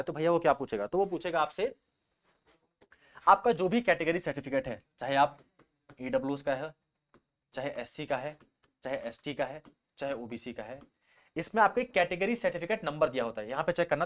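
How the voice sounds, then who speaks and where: A young man teaching students about exam form filling in a casual, repetitive, explanatory way, often calling them bhaiya. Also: on the high side.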